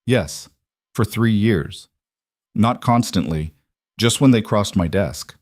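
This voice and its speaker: A man's voice: fairly low pitch, expressive, takes it slowly, darkish tone, dry recording, studio quality. A man reading the lines of a young mafia boss husband, tense, clipped and firm. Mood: strained.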